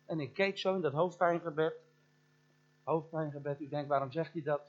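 Middle-aged male preacher, animated storyteller who addresses the congregation and mimics sounds, dull lo-fi church recording. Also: fairly high pitch, normal speed. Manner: imitates sounds and voices in his story. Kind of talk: storytelling sermon.

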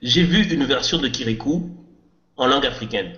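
A man's voice: medium pitch, moderate pace, fairly bright tone. A man co-hosting a casual podcast panel, insistently repeating his point and putting questions to the group. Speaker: podcast co-host. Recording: muffled, roomy podcast recording.

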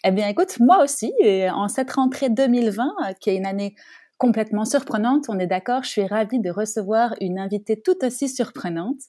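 A woman's voice: mid-range voice, lively intonation, fairly quick, warm tone. A woman hosting a conversational interview, asking friendly, encouraging questions.

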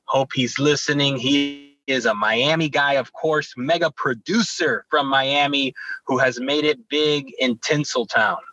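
Bright, enthusiastic male co-host. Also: mid-range voice, fairly even intonation, a little slow, no echo, highs cut off, faint music behind. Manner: enthusiastic, effusive. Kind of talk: casual podcast chat.

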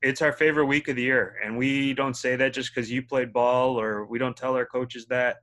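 A man interviewing a guest, making halting, earnest remarks with frequent restarts. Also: mid-range voice, steady tone, fairly bright tone. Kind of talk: casual interview.

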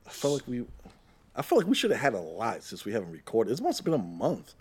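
A man's voice: mid-range voice, wildly swooping pitch, fast, a little mellow, slightly rough. A man co-hosting a casual podcast, easygoing, laughing often and repeating himself. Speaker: podcast co-host. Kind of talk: casual chat.

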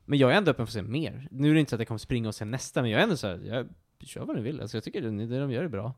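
A man co-hosting a casual podcast chat, animated and chatty with lots of fillers. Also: medium pitch. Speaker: podcast co-host.

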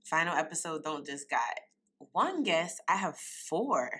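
A young woman with a New York accent, hosting a podcast in a loud, unfiltered, casual way that speaks straight to listeners. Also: low voice, very animated, measured pace, husky. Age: young adult. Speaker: podcast host.

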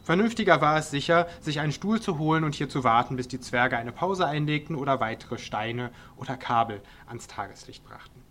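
A man's voice: on the high side, animated, brisk, hardly any pauses, a bit bright, slight background noise. Man reading his comic story aloud. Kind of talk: audiobook narration.

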